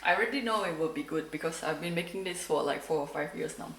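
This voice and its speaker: A woman's voice: low-pitched, quick pace, distant mic, a little hiss or hum. Playful woman vlogging in an echoey kitchen. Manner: chatty, playful, self-mocking. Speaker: cooking vlogger. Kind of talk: casual cooking vlog.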